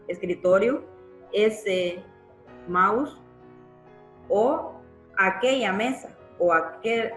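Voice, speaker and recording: Patient woman teacher in a roomy room. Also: mid-range voice. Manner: patient explaining, frequent tag questions. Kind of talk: live online grammar class. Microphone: computer mic in a live online class.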